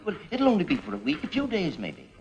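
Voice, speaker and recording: A man's voice: sits high, wildly swooping pitch, quick pace, muffled recording, exaggerated voice. An actor playing a jittery, pleading young man in 1930s screwball comedy banter, on an old film soundtrack.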